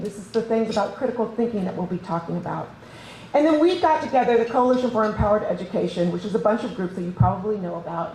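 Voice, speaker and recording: A woman's voice: fairly high pitch, darkish tone, a little hiss or hum. A woman hosting a conference, giving an enthusiastic, chatty welcome speech with frequent laughs. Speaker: conference host. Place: large conference room. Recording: echoey event room, faint ambience.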